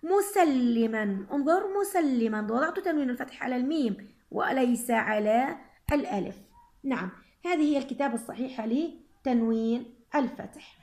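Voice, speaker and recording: A woman teacher with a Jordanian accent leads a grammar review lesson, speaking slowly and deliberately and repeating key words for her pupils. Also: high-pitched, darkish tone.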